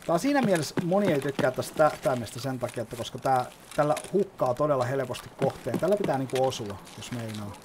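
A man's voice: mid-range voice, expressive, hardly any pauses, noisy background. A man giving casual gameplay commentary, explaining as he plays and swearing often. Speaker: gaming YouTuber.

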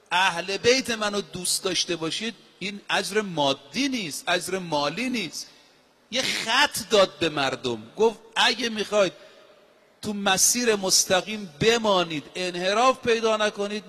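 A man's voice: high voice, bright, forceful tone. A male preacher giving a sermon, emphatic, with rhetorical questions and repeated phrases. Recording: long hall reverb.

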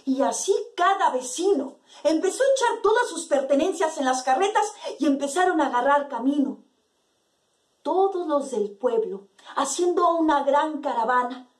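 A woman telling a folk tale in a lively, playful way, with asides to her listeners. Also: sits high, moderate pace, recorded from a distance. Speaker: storyteller. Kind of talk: storytelling for listeners. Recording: roomy sound from away from the mic.

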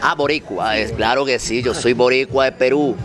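A man's voice: mid-range voice, normal speed, natural voice. A bumbling self-styled Puerto Rican rapper, as a comedian puts him on, rambling and mixing up every name in a mock Caribbean drawl. His voice sits mid-range, caught outdoors on a handheld mic with music playing faintly behind. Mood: clueless. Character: bumbling fake Puerto Rican reggaeton guy. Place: outdoor balcony.

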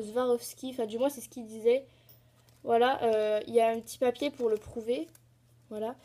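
Teen girl rambling on about her gear, high voice but kinda mellow, gushy, lots of um and voila. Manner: chatty and rambling, full of "voilà" and hesitations; excited, gushing. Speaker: horse-riding vlogger. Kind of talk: casual show-and-tell vlog.

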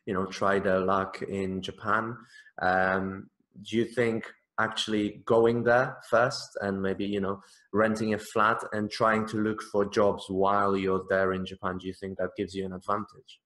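Recorded on a webcam in a small, echoey indoor room, a thirtysomething teacher trainer hosts an interview and explains to camera with earnest sincerity. His fairly low voice is a bit bright, stays mostly level in pitch, and moves at a measured pace.

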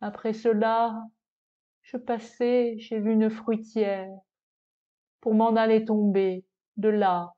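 A woman slowly reciting a French poem for learners with an expressive, lamenting delivery. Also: a little high, muffled recording. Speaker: poetry reader for language learners. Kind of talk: slow poetry recitation.

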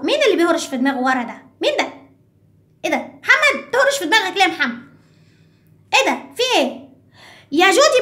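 A woman's voice: very high voice, bright, forceful tone, full character voice. [name], a woman doing a cheeky Egyptian little girl. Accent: Egyptian Arabic. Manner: chatty, addresses children as friends. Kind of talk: children's English lesson in character.

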